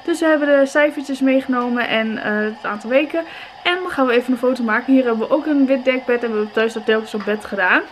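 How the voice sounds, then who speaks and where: Een jonge vrouw met een Nederlands accent die ontspannen en babbelend vlogt, met veel aarzelingen. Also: female voice, a little high, quick pace, slight background noise. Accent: Dutch. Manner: relaxed, chatty, many filler sounds. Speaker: vlogger, new mother. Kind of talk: casual vlog chat.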